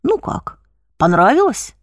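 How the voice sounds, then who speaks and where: A woman's voice: on the high side, big pitch swings, measured pace, dry recording, clean studio sound. A woman voicing a tall, broad-shouldered male seminarian who is confident, friendly and reassuring.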